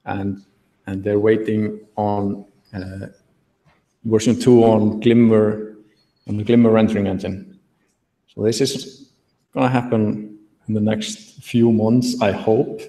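A man's voice: lowish voice, takes it slowly, long pauses. Laid-back man speaking on a hall stage. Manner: relaxed, thinking aloud with fillers. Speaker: conference speaker. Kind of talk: tech meetup talk. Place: large auditorium stage. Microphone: podium mic, recorded from the hall. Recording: echoey hall.

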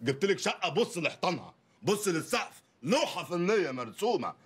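A brash Egyptian jokester. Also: male voice, sits high, big pitch swings, husky, exaggerated voice. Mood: scolding. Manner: teasing, bickering, fast comic banter. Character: brash poor male lawyer, mocking joker. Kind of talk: film comedy acting.

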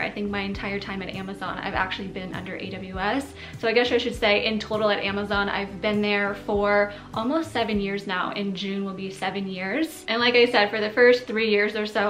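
A woman's voice: mid-range voice, a bit bright. Chatty woman in her thirties, roomy echo. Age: 30s. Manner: chatty, long-winded, upbeat. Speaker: YouTuber. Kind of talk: casual Q&A vlog. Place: living room by a window.

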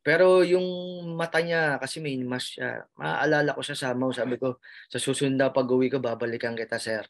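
A man's voice: mid-range voice, steady tone, fairly quick. Filipino man, nurse interviewee, earnest, heartfelt storytelling, mid-range voice. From Philippines. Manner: earnest, addresses host as sir, frequent fillers and restarts. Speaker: interviewee, nurse who passed the licensure exam.

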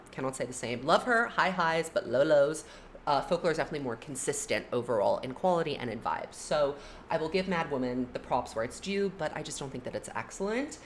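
Animated, low-voiced woman ranking songs. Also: slight background noise. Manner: animated, chatty, frequent "like" fillers. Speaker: music commentary YouTuber. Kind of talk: casual opinionated album ranking.

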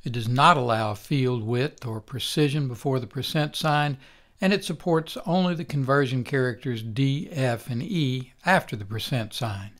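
An older man instructor giving a calm, methodical recorded programming lecture. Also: mid-range voice, normal speed.

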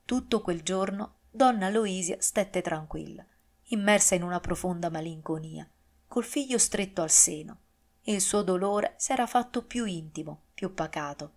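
A woman narrates an audiobook in a calm, steady voice. She reads at an even pace with clear phrasing and closes by speaking to her listeners. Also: lowish voice, moderate pace.

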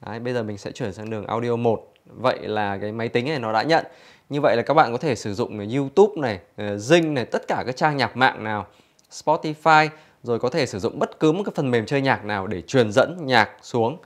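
Male store demonstrator, mid-pitched. Infomercial-style walkthrough, explanatory and conversational, speaking to customers. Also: fairly quick. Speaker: product demonstrator for an audio store. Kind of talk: product demonstration, infomercial-like sales presentation.

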